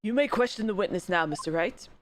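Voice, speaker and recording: A woman's voice: medium pitch, lively intonation, fast, background noise. A woman reading courtroom video game dialogue aloud with bad, put-on amateur acting.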